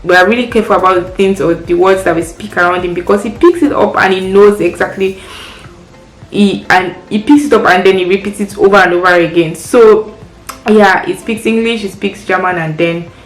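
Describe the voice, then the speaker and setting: Speaking fairly quickly with fairly even intonation and a medium-pitched voice, a woman who speaks Yoruba as her first language offers friendly, practical parenting tips in a chatty advice vlog. Faint music plays in the echoey room.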